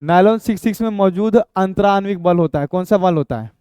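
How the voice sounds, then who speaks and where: Speaking fairly quickly, a man delivers a chemistry lecture for exam prep, coaxing listeners, repeating points and answering the questions he raises. The voice is slightly high, smooth and mellow, dry and close, with no echo.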